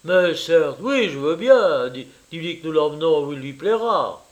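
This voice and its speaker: A man's voice: a little high, expressive, unhurried. A man doing a flustered, grumbling young traveler. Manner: flustered, stammering, peevish. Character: agitated, grumbling young male traveling companion.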